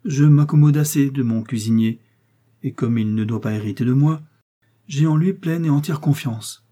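A man's voice: mid-range voice, normal speed, mellow, voice pushed up, natural voice. A man voicing a scornful nobleman who taunts his prisoner with laughing sarcasm, in an audiobook reading. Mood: taunting. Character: mocking English nobleman, scornful jailer.

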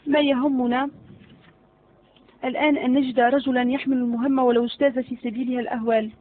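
A woman's voice: high-pitched, flat delivery, fast. A woman reading the part of an irritable male vizier who threatens and demands answers. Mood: impatient. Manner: impatient, menacing. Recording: phone-like narrow audio.

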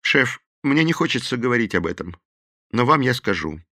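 A man's voice: mid-range voice, very animated, normal speed, bright, forceful tone, dry recording, clean studio sound, voice pushed up, exaggerated voice. A man voicing a timid male henchman who speaks hesitantly and uneasily. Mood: nervous confessing.

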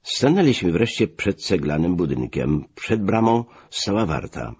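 A man reading a story aloud as narrator, with measured, expressive storytelling, in a muffled recording. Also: sits low, slightly rough. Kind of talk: audiobook narration.

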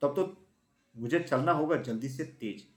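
A slowpoke boy mouse from a storybook argues back stubbornly and never hurries, as a man acts him out. His voice sits at a middle pitch. The room adds a noticeable echo. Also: lightly acted. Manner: stubborn, unhurried. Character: slow, dawdling boy mouse. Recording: roomy echo.

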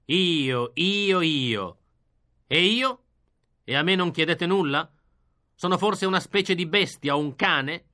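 A man's voice: sing-song, moderate pace. A man reading an audiobook, voicing a desperate young male delinquent who pleads in a raised, strained voice. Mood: indignant cry. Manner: pleading, pitched up and pushed louder.

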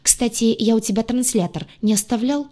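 A breezy, good-natured young man, read by a woman audiobook narrator. His voice is easygoing and a touch husky. It stays close to the narrator's own sound. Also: a little high, moderate pace, warm tone, natural voice. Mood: cheerful. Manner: happy, easygoing. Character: cheerful young man bringing gifts.

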